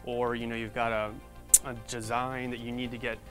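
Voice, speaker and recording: A man's voice: medium pitch, little pitch movement, moderate pace, fairly bright tone, faint music behind. A man casually explaining services on a shop tour, talking in an easygoing, conversational way. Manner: easygoing, conversational with "you know" fillers. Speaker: tour guide. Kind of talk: casual walkthrough.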